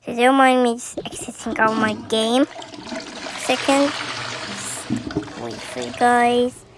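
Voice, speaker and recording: A woman's voice: a little high, steady tone, takes it slowly, background noise. A woman chatting playfully while playing a game, switching into little character voices as she plays out scenes. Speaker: game channel creator. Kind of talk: casual role-play while playing a game.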